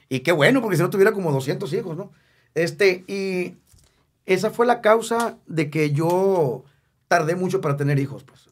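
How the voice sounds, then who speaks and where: A Mexican man in his fifties with a husky, slightly raised voice. He talks openly and with feeling as an interview guest. He jokes easily and leans on repeated words to drive a point home. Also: on the high side. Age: 50s. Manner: emotional, candid, jokey, repeats words for emphasis. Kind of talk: candid casual interview.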